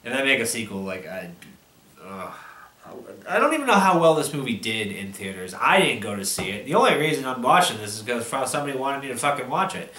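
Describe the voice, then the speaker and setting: Drunk, exasperated man ranting, swinging wildly in pitch. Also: very animated, brisk, pushed and bright, a little hiss or hum. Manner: drunk, rambling and losing the thread; angry, exasperated, heavy swearing. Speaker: movie reviewer. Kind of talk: ranting film review. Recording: roomy, echoing voice recording.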